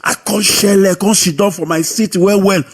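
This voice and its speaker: A man with a high, husky voice and a Nigerian Pidgin accent tells his own story in a lively, sing-song rhythm. He comes through radio broadcast audio. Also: normal speed. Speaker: radio caller. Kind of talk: personal testimony.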